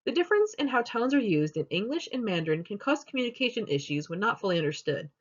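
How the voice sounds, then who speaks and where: A young woman student gives a class presentation, talking fast and steadily explaining her points. Her pitch moves around a lot, lending the talk a lively lilt, though the recording sounds somewhat dull and lo-fi.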